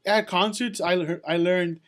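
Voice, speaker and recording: A man's voice: sits high, fairly even intonation, a little slow. A young man co-hosting a podcast, chatting casually and rambling with lots of fillers. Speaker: podcast co-host. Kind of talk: casual chat.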